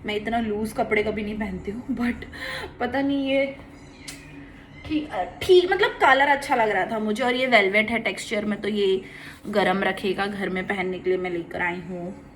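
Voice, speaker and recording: A young woman, a mother, chatting casually in a home vlog and coaxing her toddler in a soft sing-song way. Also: medium pitch, normal speed, a little hiss or hum. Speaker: mother and vlogger. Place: at home indoors.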